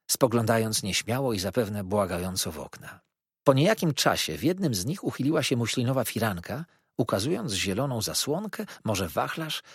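A man with a fairly low, slightly breathy voice narrates a novel as an audiobook reader, telling the story expressively. It's scripted narration, recorded dry and at studio quality.

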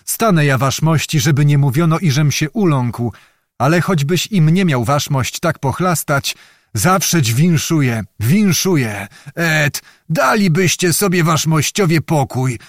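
A man's voice: a little high, lively intonation, a little slow, no room sound, clean studio sound. Man doing a hearty old nobleman. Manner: hearty, old-fashioned courtly speech. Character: boisterous old nobleman, jovial and emotional.

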